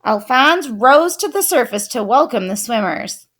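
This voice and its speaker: A woman expressively reading a children's picture book aloud. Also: a little high. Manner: expressive, unhurried. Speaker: storyteller.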